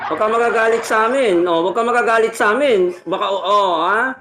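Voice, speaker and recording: A man's voice: sits high, fairly quick. A man hosting a casual singing livestream, teasing and laughing with his listeners. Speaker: livestream host and singer. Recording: loud background noise.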